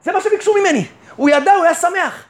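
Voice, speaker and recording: A man, a rabbi giving a Torah lesson, who asks rhetorical questions and answers them himself, and speaks to his listeners directly and insistently. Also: very high-pitched. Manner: addresses listeners warmly and directly; emphatic and insistent.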